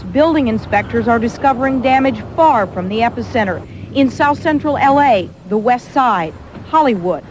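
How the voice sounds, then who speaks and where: Highish-voiced woman news correspondent over street noise. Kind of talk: scripted news report narration.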